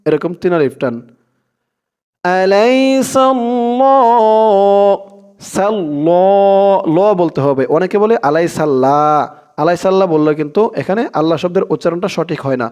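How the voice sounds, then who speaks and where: A man with a Bangladeshi Bengali accent teaching Quran recitation, spelling out each letter and chanting the verses slowly between brisk explanations. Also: fairly high pitch, a little mellow.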